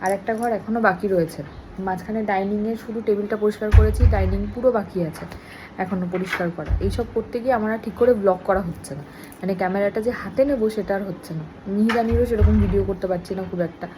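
A woman's voice: fast, noisy background. A young woman, chatting casually to camera in a home vlog. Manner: chatty, switches into high sing-song baby talk with her daughter. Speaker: vlogger.

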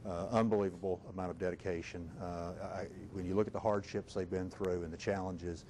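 A man in his forties answers interview questions outdoors by a factory gate, stopping and restarting often and using many fillers. His voice is very deep and flat, with faint noise behind it. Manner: halting, full of fillers and restarts.

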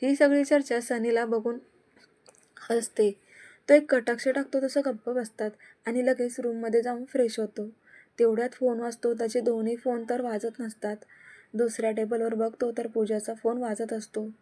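Woman, story narrator, slightly high voice, mellow tone, steady reading of all dialogue. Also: normal speed. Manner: reads every character in one steady voice.

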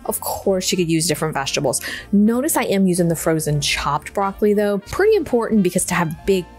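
A woman's voice: on the low side, big pitch swings, brisk, a little mellow, faint music behind. A woman dietitian hosting a home cooking demo, talking in a chatty, folksy way with playful asides. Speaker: dietitian and cooking channel host. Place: home kitchen.

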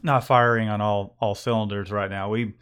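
A man's voice: on the low side, flat delivery, moderate pace, a bit bright, clear, resonant tone. Man, shop-owner host, casual rambling talk with restarts. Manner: rambling, self-correcting, joking. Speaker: co-owner of a screen printing shop, channel host. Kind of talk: casual chat. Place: screen printing shop.

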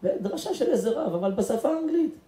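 Man, rabbi, high voice, mellow tone, emotional storytelling sermon, acts out characters, echoey room. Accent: Israeli Hebrew. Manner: acts out characters in the story, swinging from hushed to shouting. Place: synagogue or event hall.

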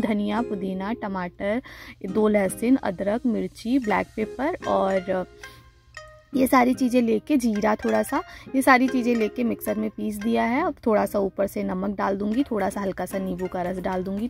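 A woman's voice: medium pitch, gravelly, a little mellow. A woman from India talking casually over her home vlog, explaining each step in a chatty way. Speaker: vlogger.

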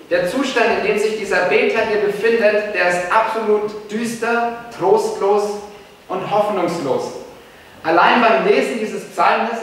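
A man's voice: high-pitched, fairly bright tone, slight background noise. A German man preaching a sermon as pastor, earnest and emphatic, repeating key phrases. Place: church hall. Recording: echoey hall, voice from far off.

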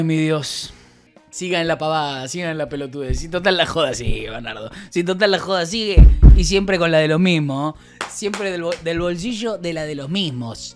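A man with an Argentine accent chatting casually on a stream, reading out messages and rambling with crude, joking banter. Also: high voice. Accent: Argentine Spanish.

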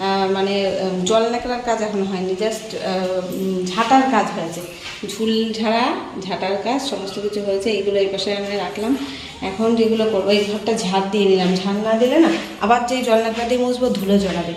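A woman chats softly as she cleans her kitchen and explains every step. Her voice rings back hard from the bare walls of an empty room, with a faint hum of noise underneath. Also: mid-range voice, fairly even intonation, a little fast. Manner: chatty, explains each step, quieter and softer. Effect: strong echo from an empty room. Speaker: home vlogger. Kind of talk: casual chat while cleaning.

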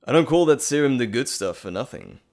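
A man's mid-range, slightly mellow voice swings widely in pitch as he plays a menacing, teasing monstrous alter ego in a dramatic audio roleplay. He is theatrical and mocking, drawling with dramatic pauses, and sounds boastful.

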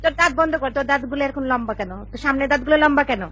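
A woman's voice: high voice, rapid-fire, highs cut off, noisy background, close to an everyday voice. A woman playing a young woman who scolds and threatens an old caller on the phone. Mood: threatening. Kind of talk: comedic phone sketch.

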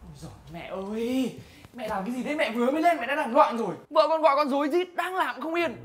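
A woman's voice: high-pitched, expressive, quick pace, music in the background. A woman voicing an exasperated young son who whines at his mother. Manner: whiny, exasperated.

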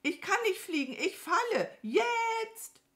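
A woman's voice: high voice, very animated, normal speed, fairly bright tone, pitched above the performer's own voice. A woman voicing a greedy, dramatic female crow who whines and complains theatrically. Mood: panicky.

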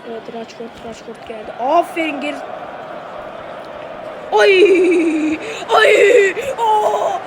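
A high-pitched streamer commentating on their own mobile football match, slow and drawn out between bursts of excited shouting and swearing at their players. The voice sounds a little hoarse. A steady noise hum sits under the recording. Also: crowd noise. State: voice going hoarse. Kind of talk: casual gameplay commentary.

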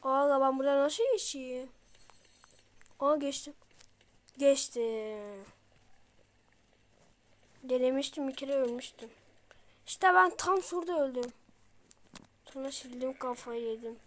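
A woman's voice: high-pitched, slow, pauses often. A woman giving frustrated gameplay commentary, dramatic and exasperated, swinging between mutters and outbursts. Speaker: gaming video creator.

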